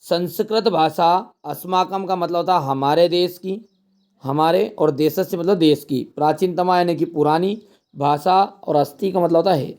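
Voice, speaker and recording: A man's voice: fairly high pitch, moderate pace, darkish tone. A man coaching students through exam answers in a casual teacherly way, reading lines aloud and then explaining them. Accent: Hindi from central India. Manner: informal, addresses students as brother and child, reads text then explains. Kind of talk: exam prep lesson, explaining and translating.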